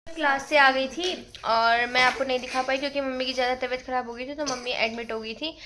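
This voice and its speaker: A woman's voice: high voice, steady tone, quick pace. A young woman chatting casually to her phone camera at home in a daily vlog, sprinkling English words into her talk as she tutors children. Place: home, indoors. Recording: faint background noise.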